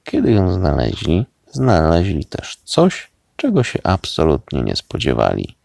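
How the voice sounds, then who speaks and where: Deep gravelly man reading a bedtime story. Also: no echo, studio quality. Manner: slow, expressive storybook reading.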